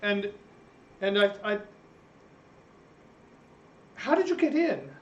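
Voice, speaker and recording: A man's voice: high-pitched, moderate pace, fairly bright tone, lo-fi sound. A man voicing a frightened, flustered female servant who stammers nervously in a tabletop game. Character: frightened, flustered female servant guarding her master's door. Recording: echoey room, faint noise.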